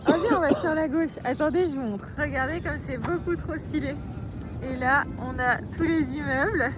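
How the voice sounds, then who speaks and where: A woman in her thirties from France, chatting excitedly in a casual travel vlog and laughing often. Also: high voice, normal speed, over music. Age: 30s. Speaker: vlogger.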